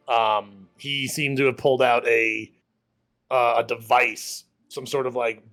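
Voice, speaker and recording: A man's voice: mid-range voice, a bit bright. A man narrating a tabletop game as game master, describing the scene loosely with many fillers. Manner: rambling, filler-heavy description.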